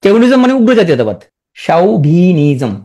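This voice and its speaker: A spelling teacher, leading a live class. The voice rises and falls a great deal, slowing right down to stretch out every syllable of a hard word. Short check-in questions to the students keep the lesson moving. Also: mid-range voice, sing-song, darkish tone. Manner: spells words out slowly, stretching each syllable; coaching, asks quick check-in questions.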